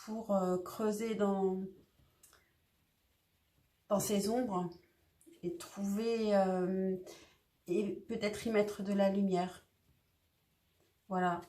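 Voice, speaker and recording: A woman's voice: mid-range voice, level tone, extremely slow, pauses often, dark tone. A woman doing a casual tarot reading, talking hesitantly with lots of fillers and restarts. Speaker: tarot reader. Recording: echoey room.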